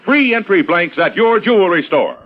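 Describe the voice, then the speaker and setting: A man working as a radio announcer, booming out prizes in an emphatic, polished 1950s advertising style. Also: sing-song, normal speed. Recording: dull vintage radio recording with music.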